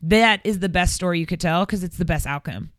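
A woman's voice: lowish voice, a little fast, no room sound, studio quality. A woman chatting casually as a podcast guest, telling stories in a slangy way with quoted asides. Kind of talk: casual anecdote chat.

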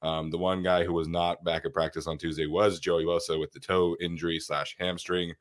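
A man's voice: low voice, flat delivery, brisk. A young man hosting a casual sports podcast, congested and nasal from a cold, rambling loosely with many restarts. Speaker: podcast host.

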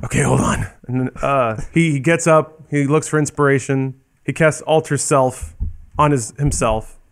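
A man's voice: medium pitch, normal speed, gravelly. A man playing in a tabletop game, who jokes crudely and narrates his character's actions. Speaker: player. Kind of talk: casual tabletop game chat.

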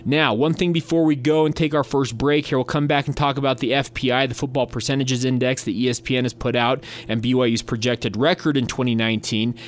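A man's voice: medium pitch, steady tone, brisk, hardly any pauses. A young man hosting a solo sports podcast, chatty and easygoing, often restarting his sentences.

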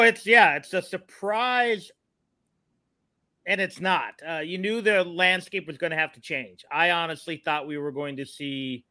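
A man with a bright, forceful voice pitched a little high, recorded dry and close. He gives measured, opinionated sports analysis in a conversational podcast style, explaining as he goes. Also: smooth, dry recording.

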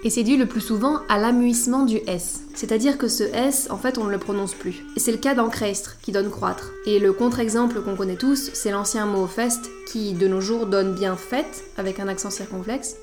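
A woman's voice: medium pitch, steady tone, normal speed, hardly any pauses, over music. A woman hosting a scripted educational podcast, didactic and playful with teasing asides. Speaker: podcast host.

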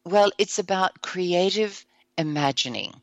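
A woman hosting an upbeat self-help show, enthusiastic and a little croaky today, often whooping and laughing. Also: on the low side, animated, measured pace, no echo. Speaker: host.

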